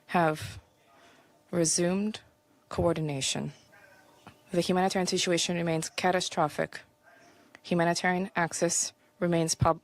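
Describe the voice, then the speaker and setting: A woman giving a translation voice-over of a formal speech, interpreting in measured, halting phrases. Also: sits low. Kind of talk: simultaneous interpretation of a formal address.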